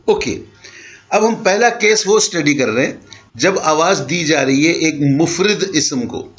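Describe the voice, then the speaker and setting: A man's voice: on the high side, expressive, a bit bright, lo-fi sound. A man teaching an Arabic grammar class in Urdu, explaining patiently and mixing in English terms. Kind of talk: online class lecture.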